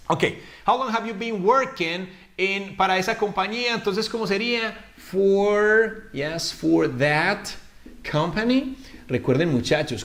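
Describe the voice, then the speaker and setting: A man teaching an online English grammar lesson, who asks the viewers questions, answers them himself and says the English examples slowly. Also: fairly high pitch. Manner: lively, swings between Spanish explanations and slow, drawn-out English examples.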